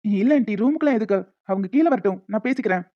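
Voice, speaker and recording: A woman's voice: mid-range voice, lively intonation, quick pace, dry recording, lightly acted. A woman voicing a polite, earnest young man in a cartoon, who turns sharply accusing. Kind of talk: cartoon voice acting. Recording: dull, dry lo-fi recording.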